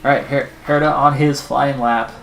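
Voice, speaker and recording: A man's voice: mid-range voice, fairly even intonation, normal speed, gravelly, fairly bright tone, a little hiss or hum. Roomy-sounding man narrating his game. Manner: anxious, pleading running commentary. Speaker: gaming channel host. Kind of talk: let's-play commentary.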